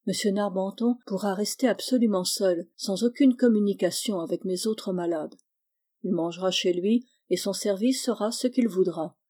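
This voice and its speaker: A woman reading the part of a composed male doctor who explains things in a measured, reassuring way. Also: medium pitch, mellow, breathy edge, lightly acted.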